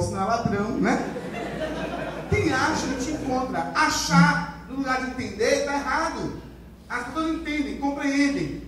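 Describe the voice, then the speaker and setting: A high-voiced Brazilian man leads a lively writing lecture, drilling his class with repeated phrases and call-and-response. He sounds far from the mic in a very echoey classroom with a faint hiss underneath. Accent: Brazilian Portuguese. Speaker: writing teacher.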